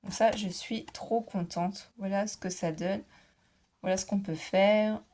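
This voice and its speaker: A woman's voice: medium pitch, steady tone, a little slow, a little mellow. A middle-aged woman chatting casually about her craft haul, hesitant, with many fillers. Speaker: scrapbooking vlogger.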